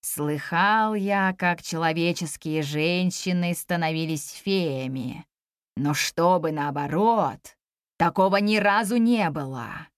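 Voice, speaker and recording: Woman doing a slow growling stern yellow dragon. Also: fairly low pitch, smooth, no echo, clean studio sound, pitched below the performer's own voice. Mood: grave. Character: huge stern male yellow dragon, gruff.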